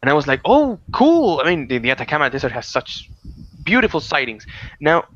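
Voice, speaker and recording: A man in casual podcast chat who tells stories with lots of energy, stumbling over restarts and breaking into loud, excited exclamations. His voice sits at a middling pitch. The audio comes through dull and lo-fi. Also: fast, slight background noise. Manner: animated storyteller, many restarts, excited outbursts. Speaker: podcast co-host.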